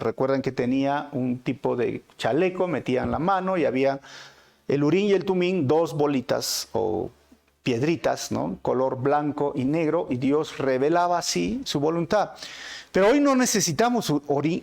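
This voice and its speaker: A man with a Peruvian Spanish accent preaching a verse-by-verse Bible study. His voice sits a little high for a man. He leans on rhetorical questions and calls his listeners brothers, rising and dropping sharply for emphasis. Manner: dramatic swings in pitch and loudness for emphasis. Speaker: pastor teaching a Bible study. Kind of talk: inductive Bible study sermon.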